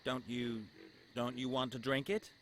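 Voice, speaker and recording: A man voicing an eager, chatty adventurer in a fantasy video game, casual and expressive. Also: mid-range voice, a little slow, slight background noise, natural voice. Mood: cajoling. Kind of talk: video game character acting.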